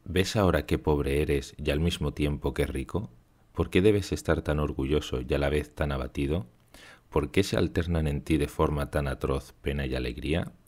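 A man voicing a wise, gentle young woman in an audiobook, reading in a solemn, measured way. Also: a bass voice. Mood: earnest.

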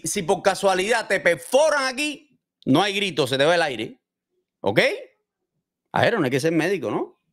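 A man's voice: high-pitched, a bit bright. A man hosting a casual true-crime commentary, explaining with gestures and asking his viewers rhetorical questions. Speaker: host commenting on a criminal case.

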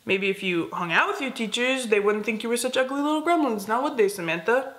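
A woman's voice: fairly high pitch, animated, brisk, fairly bright tone. A teenage girl hosting a school video with sarcastic, teasing scripted narration. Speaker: student video host. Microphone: close camera, plain wall.

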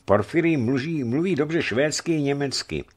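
Brief: man reading as a fervent, hot-headed traveler, raised pitch and lively swing, storybook. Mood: earnest. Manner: earnest, emphatic. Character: earnest, quick-tempered male companion, warm-hearted.

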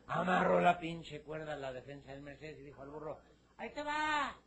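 A man's voice: a little high, steady tone, brisk, gravelly, heavy background noise. A man with a Mexican accent telling a crude, slangy joke with casual asides. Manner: profane slangy storytelling with asides. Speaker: joke teller.

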